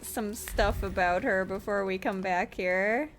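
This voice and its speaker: A woman doing let's-play commentary on a video game, reading game text aloud and pausing as she goes. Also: mid-range voice, steady tone, soft background music.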